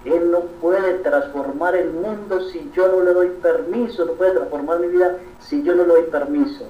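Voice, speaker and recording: A priest preaches with earnest conviction, pausing often to check in with his listeners. His fairly high voice is picked up from a distance in a reverberant space. The recording sounds slightly dull, with faint noise behind it. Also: fairly even intonation. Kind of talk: sermon.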